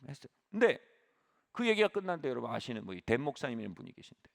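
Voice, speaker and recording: A man's voice: mid-range voice, big pitch swings, very fast, vocal fry. A middle-aged man preaching a sermon as pastor, telling a story with sudden emphatic rises.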